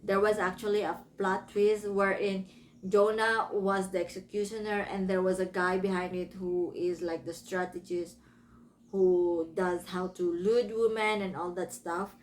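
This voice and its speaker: This casual book review comes from a Filipina with a Filipino accent for whom English is a second language. Her medium-pitched voice stays steady and a little slow as she rambles through the story, fixing her own words and wandering into asides, with slight background noise present.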